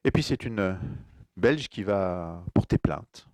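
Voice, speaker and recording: A man's voice: low voice, expressive, slow pace, darkish tone, no echo. A man telling a string of jokes in a rambling way, with fillers and restarts. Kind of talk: joke telling.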